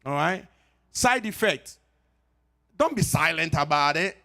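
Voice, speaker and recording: High-voiced Ghanaian-accented man, lively presenter. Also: measured pace. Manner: lively, joking asides, repeats key phrases. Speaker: pharmacist giving a health talk. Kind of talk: informal church health presentation.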